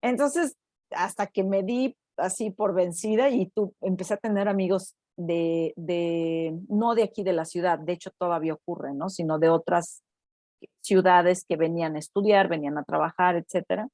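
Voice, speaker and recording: Lively Mexican woman telling a story, dry sound. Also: fairly low pitch, normal speed, no echo. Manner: animated storytelling, acts out quoted voices, frequent "¿no?" tags. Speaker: university teacher and researcher, interview guest. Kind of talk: casual interview storytelling.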